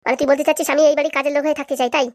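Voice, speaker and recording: A woman's voice: high-pitched, flat delivery, rapid-fire, no room sound, studio quality. Woman voicing a bitter, quarrelsome young woman. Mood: defiant. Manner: loud cursing rants. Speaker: cartoon voice actor. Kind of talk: comic cartoon dialogue.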